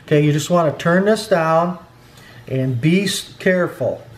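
A middle-aged man with a slightly high voice speaks a bit slowly at a garage workbench, plainly walking through a snowmobile clutch rebuild as a hands-on tutorial with plenty of fillers. The workshop audio is echoey.

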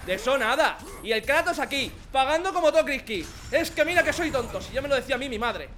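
A young man with a Spain Spanish accent, joking and shouting excitedly as he commentates a video game. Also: extremely high pitch, quick pace, a little hiss or hum. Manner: excitable, jokey, shouts at enemies. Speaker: gaming commentator. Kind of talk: let's play commentary.

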